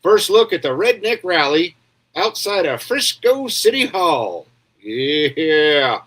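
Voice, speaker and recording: A man's voice: a little high, big pitch swings, slow, fairly bright tone. A man hosting casual commentary on video clips, talking in a crude, rambling, sarcastic way with frequent "yeah?" tags. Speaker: commentary host.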